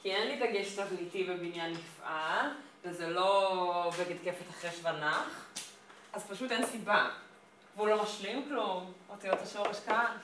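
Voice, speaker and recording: A woman's voice: mid-range voice, noisy background. A woman teacher giving a classroom grammar lesson, explaining patiently step by step. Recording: echoey classroom from far off.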